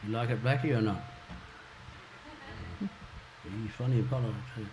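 An Australian man reading a passage from his own novel to a festival audience, in a measured, rhythmic way that grows forceful. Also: lowish voice. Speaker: author reading at a literary festival. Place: festival talk venue. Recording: noisy live event recording.

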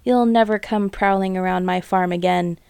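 A woman voicing a fat, furious male farmer who shouts and gloats while hunting a fox in a storybook reading. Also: mid-range voice, fairly even intonation, normal speed, creaky, clear, resonant tone, no room sound, studio quality, close to an everyday voice. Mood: gloating.

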